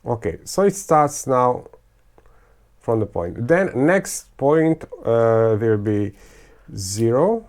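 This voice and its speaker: In a screen-recorded software tutorial, a male teacher speaks in a gravelly, mid-range, sing-song voice with a darkish tone. Croatian, Serbian and Hungarian are his first language, and he thinks aloud in a halting way with many fillers and restarts.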